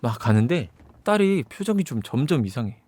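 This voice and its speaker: A man casually recapping a movie, telling it with animated energy and sound effects. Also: mid-range voice, fairly quick, breathy edge, no echo. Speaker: movie reviewer.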